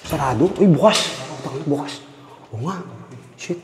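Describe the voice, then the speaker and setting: A man's voice: fairly high pitch, expressive, normal speed. A man exploring an abandoned hospital, narrating nervously, cursing constantly and repeating himself. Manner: jittery, swears constantly, repeats words, drops to a hush. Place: empty hospital corridors indoors. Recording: echoey hall reverb, faint noise.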